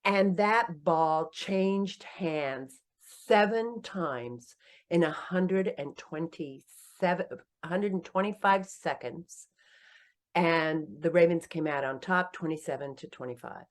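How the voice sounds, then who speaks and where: At a slow pace, a woman in her sixties recounts her path as an author and company founder in a casual podcast interview. She's animated and self-deprecating, laughs readily, and her pitch jumps up when she jokes.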